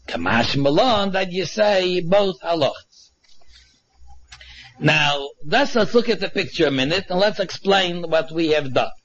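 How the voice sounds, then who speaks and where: A muffled, low-fidelity recording of a male Talmud teacher with a Yiddish accent. His voice sits quite high for a man. He explains informally, one step at a time, restating phrases with emphasis. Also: expressive, a little slow, a bit bright, slight background noise. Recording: dull, muffled lo-fi audio.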